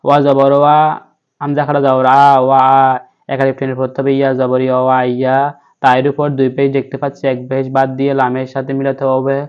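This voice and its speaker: A man patiently spells out Quran letters and vowel marks one at a time, then chants the verse slowly. His voice is smooth and resonant but stays flat in pitch. The recording sounds slightly dull and lo-fi. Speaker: Quran teacher. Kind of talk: spelling-out Quran recitation lesson.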